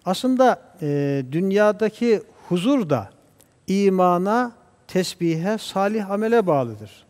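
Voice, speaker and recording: A man speaking as a guest scholar on a religious TV program, talking in a measured, preacher-like way and reciting Arabic verses. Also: sits high, lively intonation, darkish tone, in a large hall. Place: TV studio.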